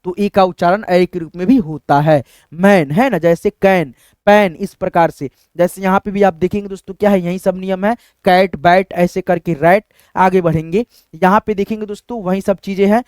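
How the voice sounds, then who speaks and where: Guy teaching phonics step by step, high clear voice, keeps asking stuff then answering it himself. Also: steady tone, moderate pace, a little mellow, dry recording, studio quality. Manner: asks questions and answers them himself, checking in often. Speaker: English teacher.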